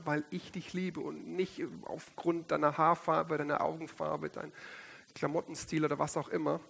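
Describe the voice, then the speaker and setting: A man's voice: fairly high pitch, creaky, fairly bright tone. A man giving an earnest devotional sermon, speaking straight to his listeners and citing Bible verses. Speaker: preacher. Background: instrumental music.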